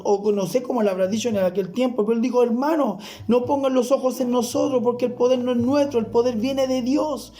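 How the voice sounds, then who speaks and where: A man's voice: very high-pitched, warm tone. A man preaching a fervent sermon, often calling the listener "brother".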